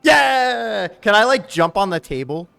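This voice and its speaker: A man playing a tabletop game in casual chat, excitable and laughing often. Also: mid-range voice, brisk. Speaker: player.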